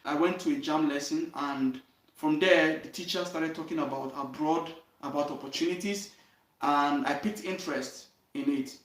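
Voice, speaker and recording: A man's voice: fairly high pitch, normal speed, a bit bright. Earnest Nigerian man in an echoey room. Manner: earnest, repeats "you understand?" and "okay?". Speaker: channel host. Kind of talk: direct-to-camera life story talk. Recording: roomy echo, voice from a distance.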